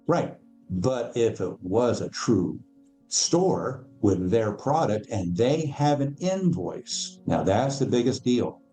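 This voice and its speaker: A man's voice: medium pitch, very animated, slow pace, warm tone, faint music behind. A man, a podcast guest and financial educator, explaining in a casual interview, emphatic and acting out the people in his stories. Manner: emphatic storyteller, acts out quoted voices.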